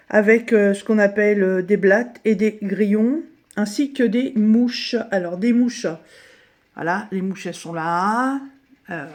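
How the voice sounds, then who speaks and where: A middle-aged woman with a slightly hoarse voice gives a casual home tour, chatting to her viewers. She talks in a halting, friendly way, full of small fillers and restarts. Her pitch sits in an ordinary middle range for a woman. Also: darkish tone. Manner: chatty, hesitant with many fillers. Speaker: crafts vlogger giving a room tour. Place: dining room at home, indoors.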